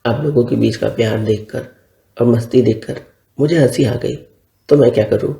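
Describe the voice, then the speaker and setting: A man's voice: mid-range voice, moderate pace, gravelly, mellow, natural voice. A man voicing a playful, sly young man who teases and complains in a joking way. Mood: teasing. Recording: roomy echo.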